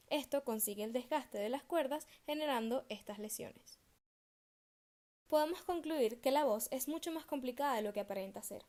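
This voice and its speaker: The speaker is a young adult woman, a student presenting her research by reading it aloud. Her pitch is a little high, and she pronounces each term with care in a steady, studious manner.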